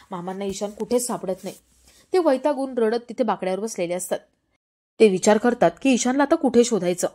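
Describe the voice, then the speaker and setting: Woman, storytelling narration, steady delivery, fairly high voice. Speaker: serial recap narrator.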